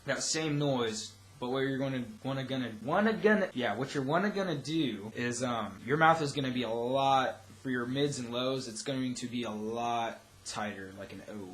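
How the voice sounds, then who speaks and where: A man's voice: mid-range voice, moderate pace, few pauses, a bit bright. A young man giving a casual, loosely rambling tutorial as a vocal instructor. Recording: roomy echo, faint background noise.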